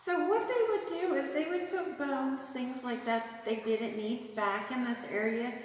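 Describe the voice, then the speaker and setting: A woman's voice: high-pitched, normal speed, distant mic. A woman working as a cave tour guide, explaining things informally to a group of visitors inside a large cave. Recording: very echoey cave, long reverb, background noise.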